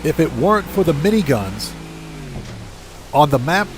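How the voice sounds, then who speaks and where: A man's voice: fairly high pitch, sing-song, moderate pace. A man hosting a live game stream, chatting casually with viewers and repeating himself for emphasis, over game noise.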